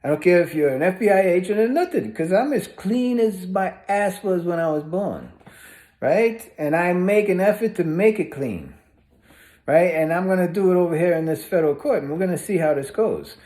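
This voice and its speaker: A man's voice: high voice, expressive, moderate pace, mellow. A man ranting in a profane, combative monologue, rambling and often asking "right?" as a vlogger.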